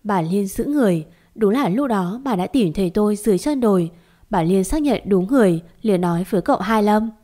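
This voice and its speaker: A woman narrating a love story in a calm, even reading voice. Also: medium pitch, a little fast. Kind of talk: audiobook narration.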